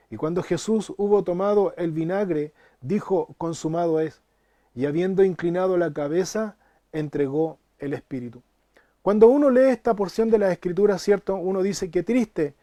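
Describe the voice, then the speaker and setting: A man preaching a sermon as pastor, emphatic, repeating phrases and rising to loud cries on key words. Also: sits high, no echo. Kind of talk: sermon Bible study.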